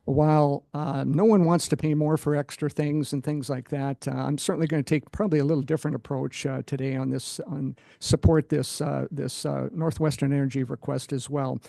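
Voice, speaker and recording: A man testifies before a commission in a slightly raised, gravelly voice with a dark tone. He states his views plainly, with an occasional filler. The sound is dry and close. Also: a little high, flat delivery, fairly quick, hardly any pauses, no room sound. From Montana. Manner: direct, opinionated, some fillers. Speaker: executive director of an economic development group. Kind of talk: formal public testimony.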